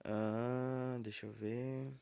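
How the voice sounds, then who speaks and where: A man gives a language lesson at an unhurried, deliberate pace. His voice carries a gravelly, creaky edge, and he repeats each word patiently while explaining its tones. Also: medium pitch, flat delivery, a little mellow. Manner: repeats words slowly and patiently, spelling out tones. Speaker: Yoruba language teacher. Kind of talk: slow spoken language lesson.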